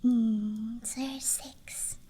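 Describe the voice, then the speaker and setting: A young female ASMR streamer whispers softly and breathily in a high, girlish tone, doing an unscripted show-and-tell. She murmurs extremely slowly, gently and playfully, sharing small things one at a time with fairly even intonation. A faint night campground ambience track plays behind her, along with a little hiss or hum.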